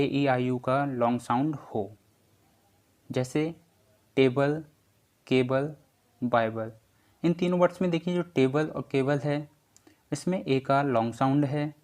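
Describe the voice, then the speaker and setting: Slow, patient male English teacher. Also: medium pitch, darkish tone. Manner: slow, careful explanation of spelling rules, spelling words out one by one. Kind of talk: spoken English lesson.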